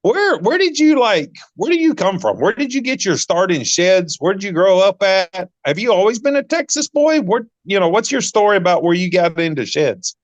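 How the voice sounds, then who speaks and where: A man hosting a podcast in a chatty, casual way, with lots of ums and repeated words, his voice jumping up when he gets excited. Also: high voice, moderate pace, hardly any pauses, no echo, lo-fi sound. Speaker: podcast host. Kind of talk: casual interview chat.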